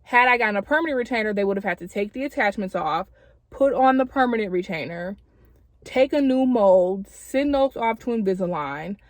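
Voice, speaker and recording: A woman's voice: medium pitch, expressive, a little fast, no room sound. A woman chatting casually to camera in informal slang, her speech slightly impeded because she is wearing retainers. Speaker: video creator addressing subscribers.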